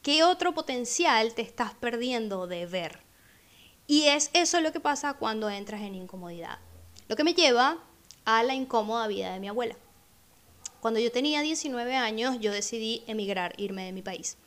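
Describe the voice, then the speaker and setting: A podcast host with a fairly high, fairly bright voice tells a personal story in a reflective, conversational way. She is expressive and speaks at a moderate pace, slipping into the voices of people from her memories to act out what they said.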